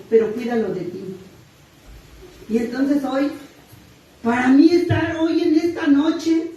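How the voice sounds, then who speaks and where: A woman's voice: high-pitched, a little mellow, a little hiss or hum. Middle-aged Mexican woman, raised voice, candid and crude testimony at a meeting, mic far off in an echoing hall. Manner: blunt, earthy, self-mocking confession with crude slang. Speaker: sharer at a recovery group meeting. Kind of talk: personal testimony. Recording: echoey distant room mic.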